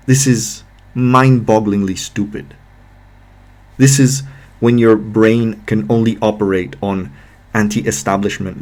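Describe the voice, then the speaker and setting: A low-voiced man reacting to a political clip with open exasperation. He swears freely and drags out his words to stress each point, sounding fed up and sarcastic. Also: a little mellow. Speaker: political commentator. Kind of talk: reaction video commentary.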